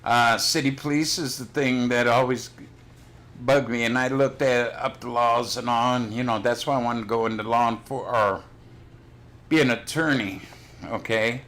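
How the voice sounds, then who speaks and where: A man's voice: medium pitch, steady tone, moderate pace, a bit bright. An older man chatting casually on his own livestream, blunt and rambling, swearing freely. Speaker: livestream host. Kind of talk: casual chat.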